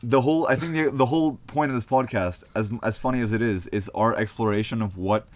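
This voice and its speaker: A man's voice: mid-range voice, a little fast. A young man, co-hosting a podcast in casual, crude chat and telling stories with lots of swearing. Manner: animated storyteller, swears a lot. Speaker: podcast co-host.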